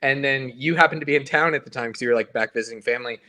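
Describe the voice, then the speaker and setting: A man's voice: medium pitch, very fast, pushed and bright. A man, a band member, chatting casually and rambling in a podcast with lots of fillers and restarts.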